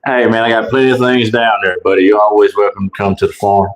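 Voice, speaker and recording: A young man with a very deep, low voice talks on a live stream in a laid-back, joking way. His speech rings with echo from the room he sits in. He drops "you know what I'm saying" often as he chats with his co-host. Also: steady tone, fast talker. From Oklahoma. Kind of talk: casual live-stream chat.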